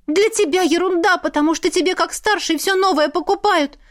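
Woman doing a high whiny teenage sister. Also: lively intonation, normal speed, no echo, studio quality. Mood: aggrieved. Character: sulky, pushy teenage younger sister.

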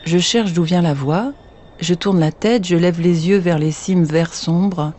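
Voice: mid-range voice, measured pace, darkish tone, slight background noise. A reader telling a children's bedtime story in the first person as a child, with confiding asides to the listener.

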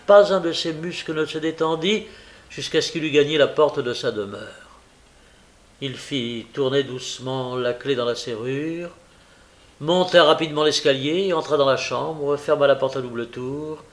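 A man reading a novel aloud in a steady, measured way. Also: medium pitch. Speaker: audiobook reader. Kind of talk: audiobook narration.

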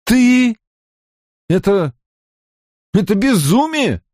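A man's voice: sits high, sing-song, moderate pace, a little mellow, no echo, clean studio sound, voice pushed up. A man voicing a panicky young man who curses and exclaims frantically in an audiobook reading.

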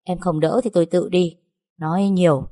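A woman's voice: on the low side, steady tone, normal speed, mellow, dry recording, clean studio sound, lightly acted. A woman voicing a stern young master who speaks curtly and scolds. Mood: scolding. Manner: scolding, curt. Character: stern young master, man, curt and gruff.

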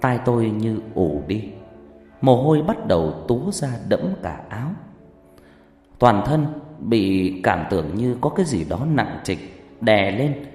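A man narrating a horror story in a hushed, suspenseful way. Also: lowish voice. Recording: reverberant hall with background music.

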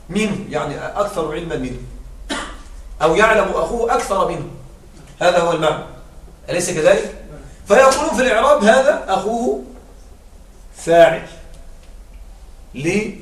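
A man teaching an Arabic grammar lesson who explains step by step, repeats his examples and keeps checking with quick rhetorical questions. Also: high-pitched, fairly bright tone, roomy sound, far from the mic.

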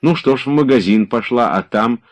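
A man's voice: mid-range voice, normal speed, muffled recording, voice pushed up, natural voice. Teasing carefree young woman, as a man reads her. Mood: playful.

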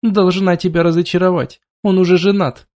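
A sly horned, tailed young warrior woman from a storybook, teasing and mocking, her voice pitched fairly high yet soft and mellow, as a man reads her. She keeps her jokes light and offhand. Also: flat delivery, normal speed, close to an everyday voice.

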